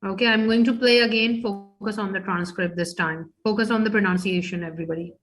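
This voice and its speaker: Woman teacher, online class, mid pitch, explains phrases in English, quizzes students, video call mic. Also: fairly even intonation, a little fast, soft background music. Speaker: French teacher.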